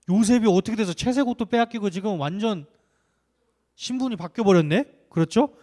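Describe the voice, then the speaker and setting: Young man telling children a sermon story. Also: high voice. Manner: animated, asks the children questions. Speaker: children's ministry preacher.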